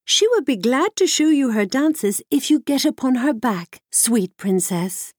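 A woman's voice: high-pitched, animated, unhurried, a little mellow, dry recording, studio quality, voice pushed up. A woman voicing a timid but eager peasant boy who speaks earnestly.

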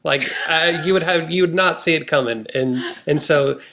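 A man with a fairly high voice chats on a podcast. He tells things with animation and laughs often as he goes, in an easy, casual way. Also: moderate pace, creaky, bright, forceful tone. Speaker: podcast co-host. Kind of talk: casual chat.

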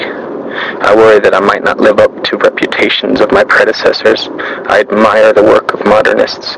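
A man narrates a scripted literary monologue, reading it aloud in a lowish, crackly, creaky voice. His measured delivery stays very flat, barely rising or falling, and noticeable noise sits behind him in the recording.

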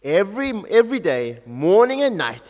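Telling an interactive story to children at a church service, this youth leader coaxes everyone to take part with cheerful enthusiasm. His voice is high and animated and his delivery slow, captured in a dull, lo-fi recording with long reverb from the large church hall.

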